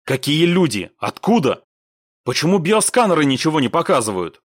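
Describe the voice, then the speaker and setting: A gruff, short-tempered army major, barking forceful orders, as a male narrator puts him on. His voice is raised and hard. The sound is dry and close. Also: fairly high pitch, sing-song, normal speed, no echo, pitched above the performer's own voice. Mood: stern.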